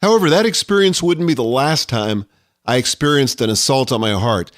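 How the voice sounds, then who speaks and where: A middle-aged man talks through a solo podcast episode in an earnest, reflective way, sometimes reading quotations aloud. His voice sits at an ordinary pitch. The recording is close and dry, with no room sound. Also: animated, a little fast, no room sound. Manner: earnest, reflective, quotes scripture. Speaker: podcast host. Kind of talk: solo podcast monologue on leadership.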